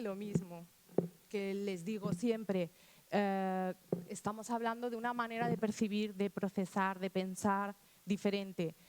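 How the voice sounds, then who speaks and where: A woman from Spain speaking to teachers in a conversational talk, often acting out quotes from children and restarting her sentences. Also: mid-range voice. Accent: Spanish.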